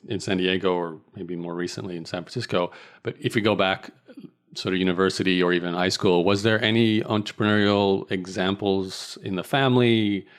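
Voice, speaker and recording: Deep-voiced Australian-born male host. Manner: chatty, rambling with restarts and laughs. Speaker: podcast host. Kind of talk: casual interview chat.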